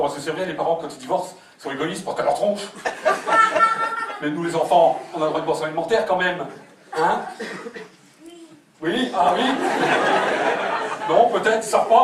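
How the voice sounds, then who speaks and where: A stand-up comedian with a fairly high voice performs a live comic monologue on a theater stage, playing a mock-whiny fifty-two-year-old overgrown son who acts out both of his parents' voices. The sound is echoey, picked up by a distant mic, with loud audience laughter and noise.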